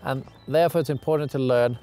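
A man's voice: medium pitch, steady tone, fast, dark tone. A young man giving a casual ski lesson to camera, outdoors on a mountain. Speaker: ski instructor. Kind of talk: casual instructional talk to camera. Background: music.

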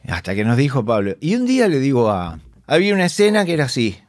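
A man's voice: medium pitch, fast talker, no echo, studio quality. An actor and comedian with a Rioplatense Spanish accent, telling backstage anecdotes in a casual podcast chat, acting out his colleagues' voices. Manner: animated, acts out voices of colleagues, laughs often. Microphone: studio microphone.

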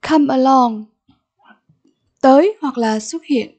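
A woman's voice: sits high, takes it slowly, darkish tone. A Vietnamese-accented woman teacher in a recorded English vocabulary lesson, repeating each word and giving its meaning and stress.

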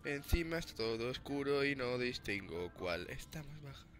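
A man's voice: mid-range voice, animated, normal speed, over music. A young man, a gamer doing casual let's-play commentary, swearing and rambling with mock panic. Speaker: gamer streamer.

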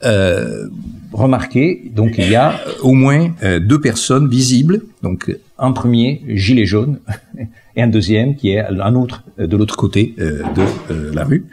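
A man's voice: fairly low pitch, very animated, measured pace, a little mellow. A man giving an academic lecture to an audience, talking through slides with frequent hesitations and fillers. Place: lecture hall.

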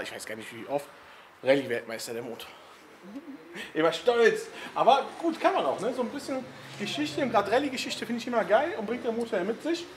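A man chatting casually about a classic car in his garage vlog, laughing often and tagging sentences with quick questions. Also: a little high, a little hiss or hum. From Italian family background. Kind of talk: casual chat.

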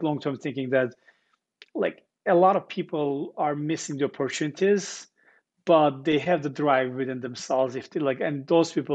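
Guest in his forties, on earbuds in a living room; a fairly high voice, earnest, talking in halting restarts. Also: darkish tone. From Turkey. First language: Turkish. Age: 40s. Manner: earnest, repeats words while searching, fillers. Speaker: guest founder. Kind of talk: casual interview storytelling. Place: living room with armchairs, indoors. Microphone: earbuds on video call.

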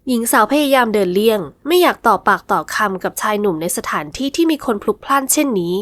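A woman narrating a romance novel in smooth, scripted storytelling. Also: on the high side, expressive, fast talker, fairly bright tone, no echo. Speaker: audiobook narrator.

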